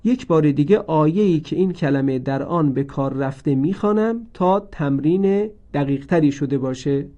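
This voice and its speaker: A man's voice: on the high side, hardly any pauses, mellow, dull audio. A man teaching the rules of Quran recitation in a recorded lesson, explaining each rule step by step and repeating every example so listeners can practise.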